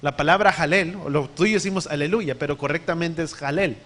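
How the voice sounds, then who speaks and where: A man's voice: on the high side, a little fast, fairly bright tone. A man preaching a sermon, teaching emphatically, putting questions to his listeners and spelling out words letter by letter.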